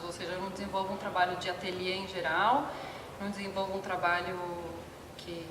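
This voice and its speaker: A woman from Argentina, a visual artist, calmly explaining her work in an interview and often restarting her phrases as she thinks. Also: mid-range voice, fairly quick, background noise. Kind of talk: interview monologue. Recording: echoey hall with music behind.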